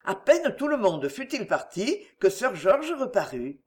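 A woman reads a classic novel aloud in a mid-pitched voice. Her narration is measured yet animated, with a lively, varied melody. It is scripted, careful storytelling. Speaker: audiobook narrator.

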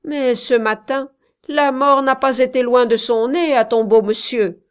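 A jealous young shepherd boils over, loud, contemptuous and threatening, every word weighed out slowly, as a woman reading the tale acts him. The voice sits a touch high for a man, straining upward when he shouts in this storybook reading. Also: smooth. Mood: shouting, scornful.

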